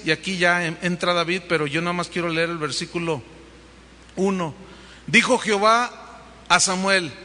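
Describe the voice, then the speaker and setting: A man preaching a sermon, animated and asking the congregation questions. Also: high-pitched, big-room sound. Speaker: pastor.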